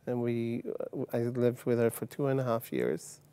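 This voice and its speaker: Recorded on a lapel mic, a Ugandan man in his fifties appears as a guest on a TV studio set to tell his life story. His mid-range voice is animated, smooth and dark in tone, though his speech halts with many fillers and restarts.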